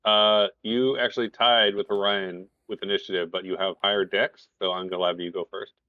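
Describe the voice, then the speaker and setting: A man's voice: fairly low pitch, level tone, fairly quick, no room sound. A man casually narrating and explaining a tabletop game as game master, in a conversational way. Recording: dull lo-fi voice recording.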